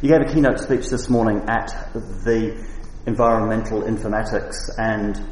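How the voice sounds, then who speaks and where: A male radio host with a fairly low voice asks his guest questions in a friendly, conversational way. He is recorded in an echoey office, with faint noise behind him. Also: steady tone, moderate pace, darkish tone. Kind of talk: radio interview.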